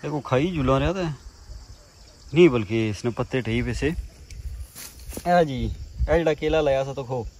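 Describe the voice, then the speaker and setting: A man's voice: medium pitch, moderate pace, darkish tone, slight background noise. A man talks casually for his vlog while working outdoors on farmland, rambling and leaning on the same filler phrases. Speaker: vlogger. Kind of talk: casual vlog chat while doing garden work.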